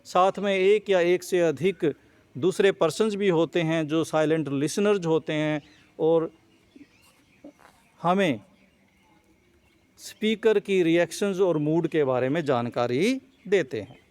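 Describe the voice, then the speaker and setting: A man's voice: a little high, a little mellow, clean tone, dry recording. A male teacher giving an explanatory lecture on poetry, repeating and rephrasing each point with fillers. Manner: reads English lines slowly, then explains in Hindi.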